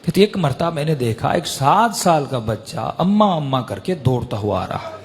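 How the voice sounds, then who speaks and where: A man's voice: fairly high pitch, animated. A man preaching in an emotional storytelling sermon, impassioned and rising to raised pleading peaks. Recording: long hall reverb.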